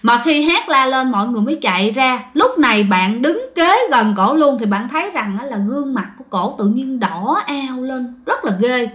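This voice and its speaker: A woman's voice: high-pitched, animated, moderate pace, hardly any pauses, fairly bright tone. A woman telling a ghost story in a chatty way, addressing her listeners directly.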